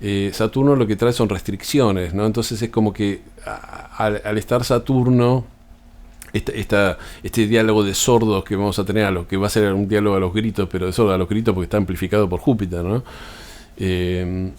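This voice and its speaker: A man with an Argentine accent talks through astrology in a loose, unscripted way. His voice sits fairly low. He stumbles and restarts phrases often and keeps checking in with short tag questions. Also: fairly even intonation, moderate pace, darkish tone. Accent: Argentine Spanish. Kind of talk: unscripted explanatory talk.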